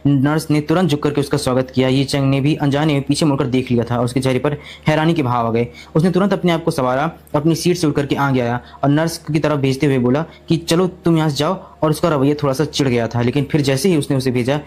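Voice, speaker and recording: A man narrating a storybook recap in rapid, continuous storytelling with frequent restarts. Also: medium pitch, fairly even intonation, darkish tone.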